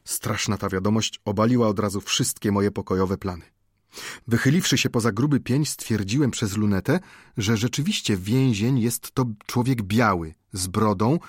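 A man reading an adventure novel aloud as an audiobook narrator, in a measured, dramatic storytelling manner. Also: on the low side, slightly rough, no room sound, clean studio sound.

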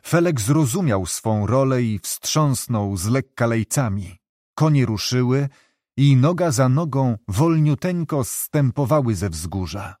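Mężczyzna czytający powieść, suchy dźwięk. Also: male voice, mid-range voice, no room sound, studio quality. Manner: measured, expressive storytelling. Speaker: audiobook narrator. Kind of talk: literary narration.

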